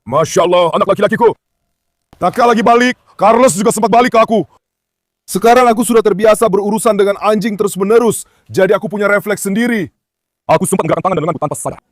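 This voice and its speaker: High-voiced man coaxing dogs outdoors. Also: no room sound, studio quality. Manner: coaxing, calls to dogs, exclamations. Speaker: vlogger handling dogs. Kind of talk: casual outdoor dog vlog. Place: outdoors in an industrial area.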